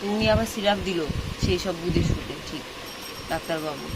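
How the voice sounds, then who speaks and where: A woman with a Kolkata Bengali accent talks to her viewers in a soft, lowish voice, worn out from a night without sleep. She repeats herself and keeps checking that they are following. A clear hum of household noise sits behind her home recording. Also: a little fast. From West Bengal, India. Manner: talks softly, repeats herself, asks "ঠিক আছে?". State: tired from no sleep. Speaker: vlogger, mother. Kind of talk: casual vlog chat to viewers. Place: home, kitchen and bedroom.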